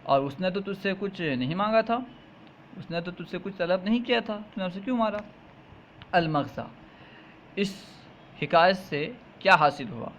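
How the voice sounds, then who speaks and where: A man teaching a text lesson, reading each phrase aloud and then slowly explaining and repeating it. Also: sits high, expressive, fairly bright tone. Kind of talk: line-by-line Arabic text lesson with translation. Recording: muffled lo-fi with faint hiss.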